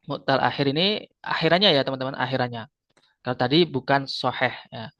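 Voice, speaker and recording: A man's voice: medium pitch, brisk, a bit bright, no room sound. Man teaching grammar in a dull, dry recording. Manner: explains patiently, repeats terms, quizzes students. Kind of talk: online grammar lesson. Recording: dull lo-fi sound.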